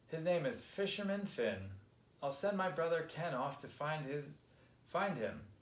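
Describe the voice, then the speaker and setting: Man reading as Kit, a helpful kittiwake. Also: fairly high pitch. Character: big adult kittiwake seabird, helpful and calm. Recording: roomy echo.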